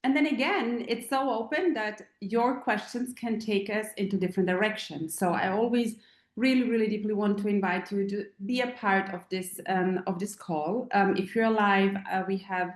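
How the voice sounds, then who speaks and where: Speaking at normal speed in a mid-range voice, a woman from Serbia around forty runs a casual live online Q&A as a feng shui teacher. She meanders, restarting often and using lots of fillers, in an echoey room.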